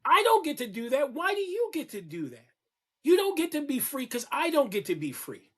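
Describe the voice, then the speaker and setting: A man who is a kink educator appears as a podcast guest and delivers an impassioned, preachy monologue, repeating key lines for emphasis. His voice is very high-pitched with wildly swooping pitch, and he speaks at a moderate pace.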